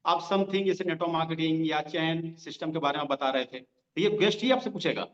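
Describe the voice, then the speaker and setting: High-voiced man teaching sales slowly. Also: a bit bright. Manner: repeats lines slowly for note-taking; conversational, addresses listeners directly. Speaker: direct selling trainer. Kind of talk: sales training lesson. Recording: dull lo-fi sound.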